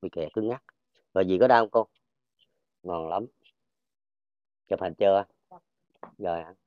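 A man with a Southern Vietnamese accent, a folk healer talking casually as he works, checking for pain and cheering loudly. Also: low voice, a little slow, clean tone, no room sound, phone-quality sound. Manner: keeps checking for pain, loud cheerful exclamations. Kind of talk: casual talk while treating a patient.

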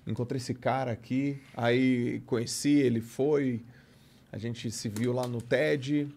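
Animated Brazilian man telling a story. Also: mid-range voice, slow. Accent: Brazilian Portuguese. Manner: animated storyteller who acts out quoted dialogue. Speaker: podcast guest. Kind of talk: casual chat, storytelling.

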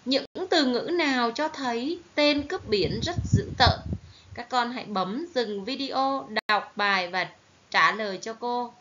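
A woman's voice: on the high side, a bit bright. A woman primary school teacher with a Southern Vietnamese accent, giving a recorded reading lesson to children and carefully spelling out each word. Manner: slow, careful, clearly enunciated teaching delivery. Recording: dull lo-fi recording with faint hiss.

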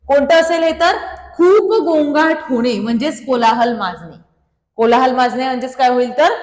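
Woman teacher with a Marathi accent, high voice, repeats her questions. Roomy, reverberant sound. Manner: quizzes students, reads options, praises by name. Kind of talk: online exam-prep lesson. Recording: echoey room with long reverb.

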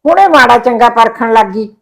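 A woman's voice: a little high, expressive, fairly quick, creaky, poor audio. An actress playing a caring middle-aged mother who coaxes and reassures her daughter in a drama. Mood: soothing. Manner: coaxing, reassuring. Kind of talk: Punjabi web drama acting.

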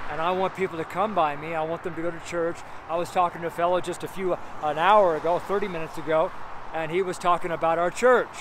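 The voice of this middle-aged man sits high as he gives a street sermon next to a busy road, the traffic noise audible. Recorded by a camera facing him from medium distance, he reads scripture deliberately and slowly, stays emphatic and repetitive, and regularly seeks agreement with "right?"

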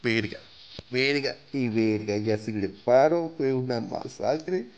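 A young man with a Mexican Spanish accent giving casual, excitable commentary over a mobile game, yelping, groaning and swearing as he spends in-game currency. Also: mid-range voice, slow. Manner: excitable, nervous, yelps and groans, swears freely.

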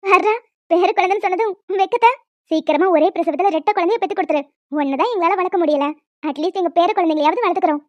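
A woman voicing a young wife and other women of a family in an animated story, with quick, expressive delivery. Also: very high voice, no echo. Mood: emotional chat. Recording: dry, dull lo-fi home mic.

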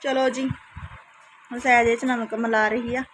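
A Punjabi mother in her thirties chats casually with her family vlog viewers, forever tacking "isn't it" onto what she says. Her voice is a little high and a bit bright, with a level tone at normal speed, and there's slight background noise.

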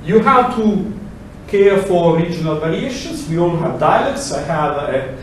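A middle-aged Italian lecturer with a heavy accent and a slightly higher-than-average male voice presents a project with animated, unhurried energy. He gestures and acts out examples in quoted voices during this lively technical talk. A distant camera without a mic records him, so his voice echoes around a large indoor lecture room over a faint hum.

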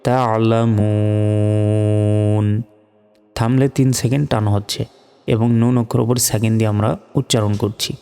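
A man teaching Quran recitation step by step, spelling out letters and vowel marks, then chanting the words slowly and drawn out. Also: mid-range voice, steady tone, vocal fry, warm tone, long reverb tail, faint music behind.

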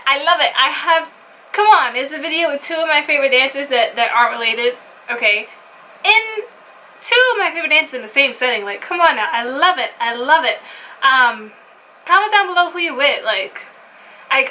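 A high, bright woman's voice, chatty and excitable, shouting cheers at a dance clip. She rambles to her viewers, repeating and restarting her phrases. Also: moderate pace, slight background noise, rough recording. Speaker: dance reaction vlogger. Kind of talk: casual reaction video chat.

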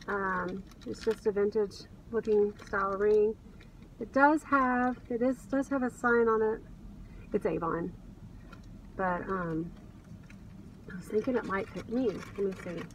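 This middle-aged American reseller vlogger speaks a little slowly and pauses often, her medium-pitched voice holding a steady tone as she gushes casually to camera about thrift finds. She's in her car, recorded on a distant mic with background noise.

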